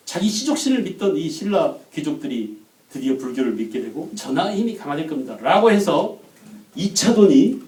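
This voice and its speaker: Echoey high-voiced male history lecturer. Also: mellow. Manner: questions the class and acts out quotes. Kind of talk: classroom lecture. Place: lecture room. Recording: echoey room, mic at a distance.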